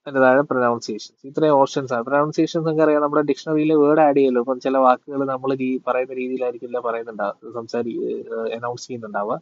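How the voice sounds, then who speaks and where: A man giving a casual tech tutorial and explaining phone settings, pausing often with fillers. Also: mid-range voice, flat delivery, dry recording, dull audio. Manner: hesitant, with many fillers.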